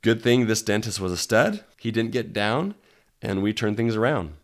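A man's voice: fairly low pitch, normal speed. A man hosting a podcast in a conversational way, his voice scratchy from being under the weather. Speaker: podcast host. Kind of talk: conversational solo podcast talk.

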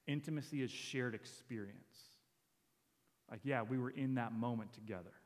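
A man's voice: mid-range voice, normal speed, big-room sound. A man preaching a sermon as a pastor, earnest and conversational, quoting lines as he goes. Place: church sanctuary.

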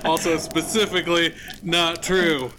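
A man's voice: fairly high pitch, little pitch movement, measured pace, background noise. A man chatting casually as a player in a tabletop role-playing game, wry and dryly humorous. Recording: music behind the voice.

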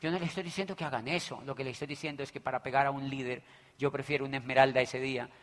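A man with a Colombian accent giving an animated motivational talk, telling stories and acting out the dialogue. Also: medium pitch, very fast. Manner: animated, tells stories acting out dialogue, keeps asking "do you understand me". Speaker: business motivational speaker. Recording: echoey hall reverb.

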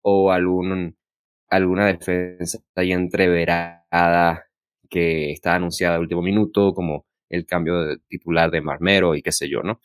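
A man's voice: sits low, little pitch movement, normal speed, clean tone, dry recording, clean studio sound. A man chatting casually and analytically as a podcast co-host, giving his opinions on a show. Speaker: podcast co-host reviewing wrestling.

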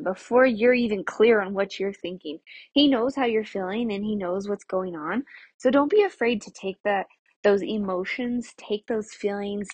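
A woman's voice: mid-range voice, husky, dry recording. A woman in her thirties hosting a podcast as a dietitian, talking in an upbeat, chatty, friendly way. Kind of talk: casual podcast chat.

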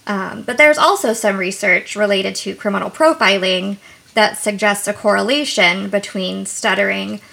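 A woman therapist co-hosting a podcast, giving calm, measured explanations. Her voice has a gravelly fry and a husky edge. The tone is bright. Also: mid-range voice.

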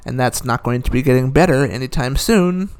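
Guy doing a quick tennis recap, smooth clear voice, dry little jokes between scores. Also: mid-range voice, darkish tone. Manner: dry, opinionated, rattles off scores. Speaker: tennis commentator. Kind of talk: casual recap of results.

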